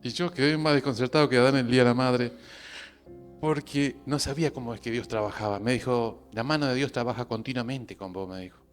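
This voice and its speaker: A man with a Rioplatense Spanish accent preaching in church, telling a personal story with lively acted-out dialogue. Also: medium pitch, a little fast, soft background music. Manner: animated storytelling, acts out both sides of dialogue. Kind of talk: sermon testimony.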